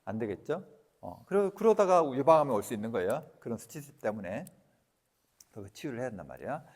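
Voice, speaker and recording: A man giving a lecture, lively and talkative, who keeps quizzing his audience with questions. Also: mid-range voice, fast talker, in a large hall.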